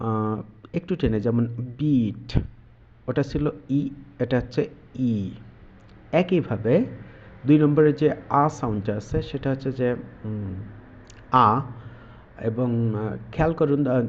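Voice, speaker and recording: A man's voice: medium pitch, darkish tone, lo-fi sound. Patient man teaching a lesson. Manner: slow, patient, many fillers and pauses. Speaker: English teacher. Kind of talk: explanatory lesson.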